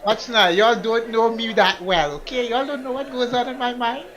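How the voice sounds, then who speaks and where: His voice is very high and a bit bright, with fairly even intonation and a moderate pace. The young man is co-hosting a podcast in casual conversation, laughing frequently and telling stories in which he quotes others in put-on lines.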